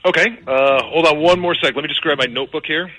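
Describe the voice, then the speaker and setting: A man's voice: a little high, fast talker, sharp tone, rough recording. A man in a casual phone conversation, speaking hesitantly, stammering and repeating himself. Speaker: prank call target, hired odd-job worker.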